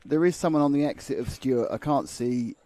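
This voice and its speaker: A man's voice: medium pitch, a little fast, dark tone, low-quality recording. A man commentating live on a kart race, chatty and thinking aloud with restarts. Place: outdoor kart track commentary point.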